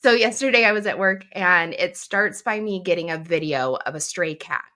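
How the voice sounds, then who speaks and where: Middle-aged woman, podcast co-host, animated storyteller, bright tone, lowish voice. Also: normal speed. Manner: animated storyteller, laughs often. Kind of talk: casual chat.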